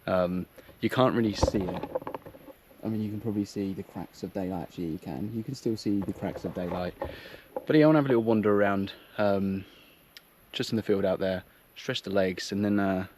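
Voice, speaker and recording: Low-voiced man vlogging outdoors over clear noise. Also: brisk, darkish tone. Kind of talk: casual solo camping vlog. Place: outdoors in woodland at a campsite. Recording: clearly noisy outdoor ambience.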